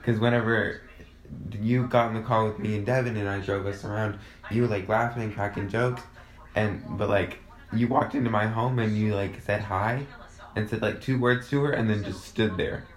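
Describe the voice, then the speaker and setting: A man's voice: lowish voice, steady tone, moderate pace. A young man rambling through stories with a laugh in a casual chat with a friend. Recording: echoey room.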